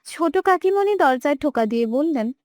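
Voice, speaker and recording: A woman's voice: sits high, animated, normal speed, a little mellow, dry recording, studio quality. A young woman narrating a romantic audio story with emotive, dramatic delivery. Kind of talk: scripted narration.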